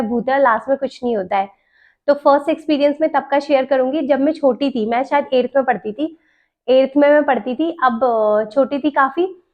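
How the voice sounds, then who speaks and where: A young woman, telling stories in casual podcast chat and laughing as she recalls them. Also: sits high. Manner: chatty, laughs while recalling. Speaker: podcast host sharing stories. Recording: dull lo-fi sound.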